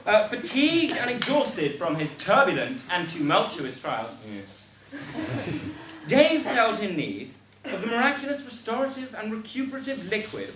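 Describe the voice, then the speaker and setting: A man playing a pompous, sarcastic pantomime narrator, telling the story in a mock-grandiose way. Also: high-pitched. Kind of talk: scripted stage pantomime narration. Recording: echoey noisy hall recording.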